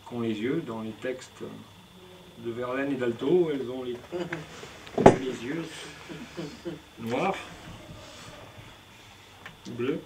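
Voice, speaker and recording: Recorded live from a distance with music playing, a man performs rhythmic, declamatory spoken-word poetry full of playful puns. His mid-range voice is a little mellow, with slight background noise.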